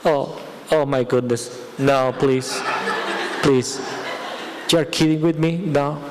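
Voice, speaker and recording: A man acting out a group of guilty brothers in comic shock, in a deep, lowered voice. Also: steady tone, slow, noisy background. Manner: comically shocked, mock English. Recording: echoey church hall.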